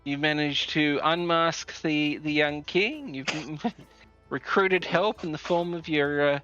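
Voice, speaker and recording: A man's voice: on the high side, slow pace. A man serving as game master, chatting casually and jokingly with his players and swearing freely. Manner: relaxed, jokey, swears casually. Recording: dry, slightly dull, faint music.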